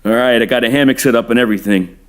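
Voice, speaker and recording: A man's voice: mid-range voice, racing, smooth, lightly acted. A man playing a sheepish surfer best friend who talks hesitantly and over-earnestly.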